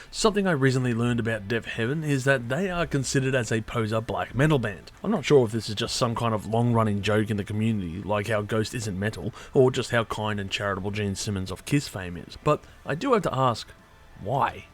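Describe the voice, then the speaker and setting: A man's voice: lowish voice, animated, a little fast. A man delivering a scripted album review in a sarcastic, irreverent way with casual swearing. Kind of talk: scripted music review monologue.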